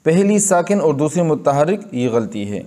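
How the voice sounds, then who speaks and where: A man with a Pakistani Urdu accent teaching Quran recitation rules in a slow lesson, patiently repeating example words and asking and answering his own questions. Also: a little high, big pitch swings, mellow.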